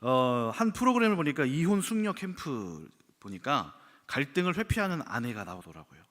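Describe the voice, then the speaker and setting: A man, a pastor, preaching a sermon with animated storytelling and acted-out quotes. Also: mid-range voice, normal speed. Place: church sanctuary. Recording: long church hall reverb.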